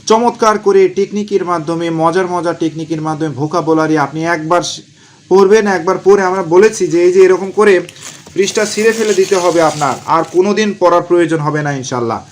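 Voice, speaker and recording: A man teaching exam vocabulary, asking questions and answering them himself, repeating key words slowly. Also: high-pitched. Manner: asks and answers his own questions, drills words slowly. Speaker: exam prep tutor. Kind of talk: vocabulary lesson.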